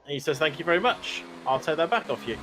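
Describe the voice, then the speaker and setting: A man's voice: on the high side, sing-song, fast talker. A man giving live motorsport commentary, reacting to the action and repeating phrases for emphasis. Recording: loud engine noise behind the voice.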